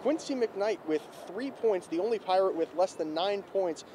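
A young man reporting a postgame recap outdoors on a handheld mic, brisk and stat-heavy. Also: sits high, animated, dark tone. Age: young adult. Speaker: student sports reporter. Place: outdoors in front of an arena. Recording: faint street noise outdoors.

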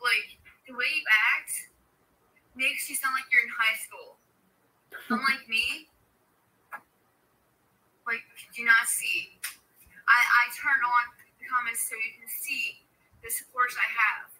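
A woman's voice: fairly high pitch, fairly even intonation, slow pace, long pauses, sharp tone, distant mic, poor audio. A woman ranting defensively on a livestream, full of "like" fillers. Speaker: streamer in a played clip.

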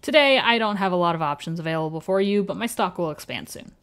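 A woman voicing a kindly older male village blacksmith in a vague put-on accent, reading game dialogue aloud in a formal, warm way. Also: on the low side, expressive, fast talker, clear, resonant tone. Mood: friendly.

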